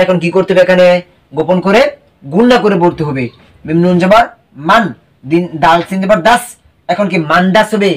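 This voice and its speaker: A man teaching Quran recitation in an online class, spelling out letters and asking questions that he then answers himself. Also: high-pitched. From Bangladesh.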